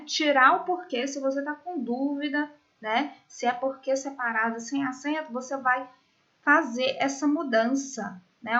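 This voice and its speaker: A woman with a high, bright voice explains a grammar point to her class, patient and methodical. She keeps checking in with short tag questions as she goes. The sound is dull and lo-fi, as from a computer mic in an online classroom. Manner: explanatory, checks understanding with frequent "né?" and "certo?". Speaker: teacher. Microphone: computer mic in a virtual classroom.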